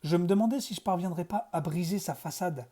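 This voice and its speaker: Male narrator, children's audiobook, mellow and warm, slightly high voice, steady delivery. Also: brisk. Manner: steady first-person storytelling.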